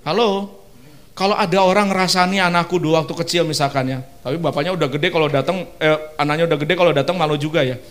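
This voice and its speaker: A male pastor preaching in a church service, lively and animated, leading the congregation in call-and-response and slipping in playful asides. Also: on the high side, quick pace. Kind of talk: sermon.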